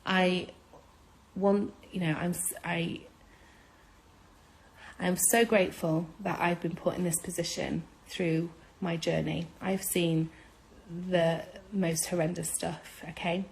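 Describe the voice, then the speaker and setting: A woman's voice: lowish voice, little pitch movement, slow, gravelly, low-quality recording. A woman giving impassioned advice in an urgent, insistent manner, repeating her key points. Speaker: social media speaker.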